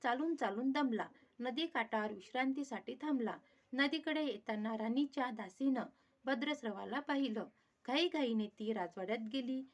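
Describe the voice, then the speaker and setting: A woman reading a devotional folk tale aloud in a steady, even narration. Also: on the high side, moderate pace. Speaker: storyteller.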